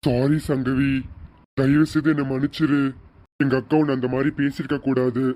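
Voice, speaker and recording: An actor playing a gentle husband and elder brother who speaks softly and consolingly. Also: male voice, mid-range voice, flat delivery, normal speed, lightly acted. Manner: soft, consoling. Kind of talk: TV serial acting.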